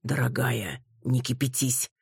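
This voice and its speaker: A woman voicing a husband who makes soft, pleading excuses to calm his angry wife. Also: a bass voice, measured pace, creaky, husky, no room sound, clean studio sound, full character voice. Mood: placating. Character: evasive husband, man, placating.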